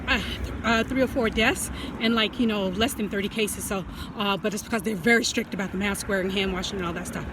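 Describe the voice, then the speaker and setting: Breathless American woman talking through a mask. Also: on the high side. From United States. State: out of breath from walking. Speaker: host of a writing-tips video series. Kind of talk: casual advice vlog. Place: outdoors, walking. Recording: outdoor traffic and street noise.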